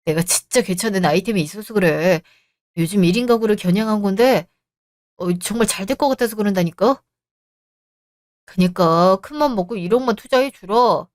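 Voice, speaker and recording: A woman's voice: medium pitch, normal speed, dry recording, clean studio sound, close to an everyday voice. A woman voicing a jobless, sulky younger husband in a radio drama, with a pleading, whiny manner.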